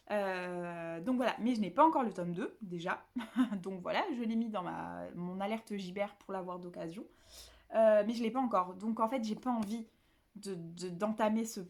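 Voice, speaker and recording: Speaking in a medium-pitched, darkish voice, a book vlogger from the south of France chats casually to camera at home about her books. She rambles, with lots of fillers and restarts.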